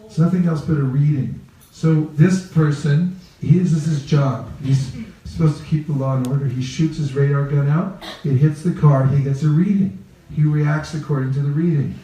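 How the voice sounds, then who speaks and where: Leading a training talk, this religious teacher from California has a mellow, higher-leaning voice with fairly even intonation and a normal pace. He teases questions out of the live group and repeats key phrases, captured from afar in a reverberant, echoey room.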